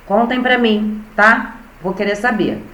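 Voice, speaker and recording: A woman's voice: medium pitch, unhurried, a bit bright, roomy sound, poor audio. A young Brazilian woman teaching an online class to small children, patiently spelling out syllables. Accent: Brazilian Portuguese. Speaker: primary school teacher.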